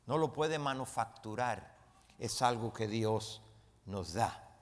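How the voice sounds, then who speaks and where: A pastor preaching a sermon to his congregation, with emphatic delivery that swells to loud peaks and calls for responses from the room. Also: mid-range voice, animated, slow pace. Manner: emphatic preaching, rising to loud dramatic peaks when retelling the story. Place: church sanctuary. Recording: long reverb of a church hall.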